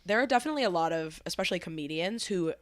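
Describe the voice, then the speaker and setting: A woman's voice: lowish voice, lively intonation, very fast. Crude, jokey young woman podcast host. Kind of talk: casual chat.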